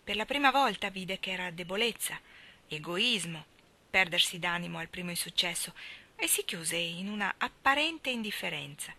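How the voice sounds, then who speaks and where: A woman reading a classic novel aloud in measured narration. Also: on the low side, expressive, sharp tone. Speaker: reader.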